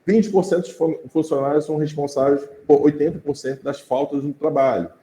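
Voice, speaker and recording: His pitch is fairly high and his tone steady, brisk and dark as this Brazilian Portuguese-accented man leads an informal lesson. He talks conversationally, checking in with students often. Slight background noise and a roomy echo are audible.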